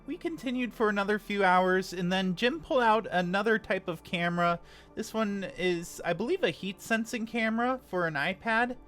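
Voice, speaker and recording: A woman narrates a vlog in an informal, candid way, recounting events as the host. Her voice sits at an average pitch, with soft music underneath. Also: moderate pace.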